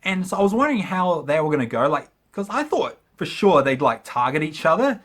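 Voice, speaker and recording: Man, casual reviewer, husky, animated pitch, chatty with fillers. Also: brisk. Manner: chatty, with many fillers, emotional. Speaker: video reviewer.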